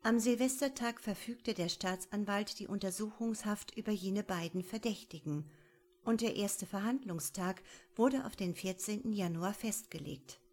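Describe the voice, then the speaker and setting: A woman narrating a crime story as a scripted audiobook in a steady storytelling manner. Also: mid-range voice, normal speed.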